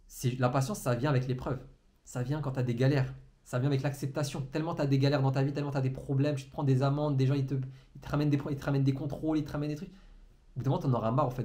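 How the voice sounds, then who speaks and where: A man, an entrepreneurship trainer, giving a motivational talk to a camera in a room, talking very fast and stumbling and repeating words as he goes. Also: mid-range voice, warm tone. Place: room, indoors. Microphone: camera in front of him.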